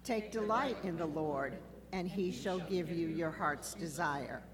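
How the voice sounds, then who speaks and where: A woman reading scripture at a church service, speaking into a pulpit microphone in a measured, formal way. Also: fairly low pitch, crowd noise. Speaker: lay reader. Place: church sanctuary. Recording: reverberant church with faint hum.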